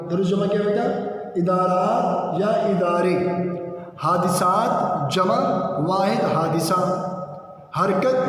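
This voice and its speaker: A man's voice: high-pitched, heavy reverb, long reverb tail, a little hiss or hum. A man teaching a lesson to schoolchildren, patiently drawing out words and addressing the pupils as children.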